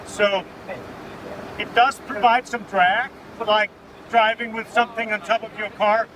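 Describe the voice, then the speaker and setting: A man's voice: high-pitched, little pitch movement, a little slow. A man with a Danish accent explaining technical matters informally in an interview, matter-of-fact, as a pilot. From Denmark. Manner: matter-of-fact, often adding "right?" as a tag. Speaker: military pilot being interviewed. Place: inside an aircraft cockpit in flight. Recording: loud vehicle drone behind the voice. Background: aircraft engine and air noise.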